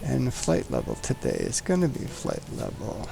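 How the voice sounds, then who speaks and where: A man streaming a flight simulator jokes casually and talks to the aircraft while preparing it. His mid-range, creaky voice swoops wildly in pitch at normal speed, against a noisy background.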